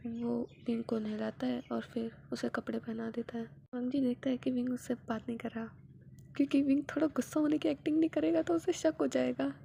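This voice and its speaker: A woman reading a fanfiction story aloud, voicing the characters herself, sliding from hushed whispers to loud, emotional outbursts. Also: sits high, steady tone, brisk, vocal fry, slight background noise. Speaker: fanfiction narrator. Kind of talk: dramatic story reading with voiced dialogue.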